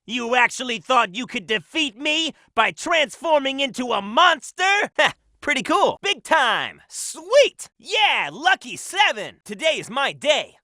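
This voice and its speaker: A man voicing a cocky, upbeat young hedgehog hero in a video game, brash, energetic and confident. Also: extremely high pitch, a little slow, hardly any pauses, no room sound, clean studio sound, heavily acted. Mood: cocky, fired up, then excited.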